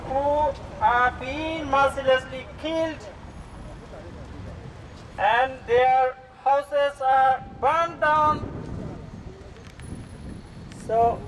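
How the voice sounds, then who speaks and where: A man opening an outdoor demonstration as its organiser, speaking publicly in short halting phrases. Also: extremely high pitch. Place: outdoor demonstration in a city street. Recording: noisy outdoor street, distant mic, crowd.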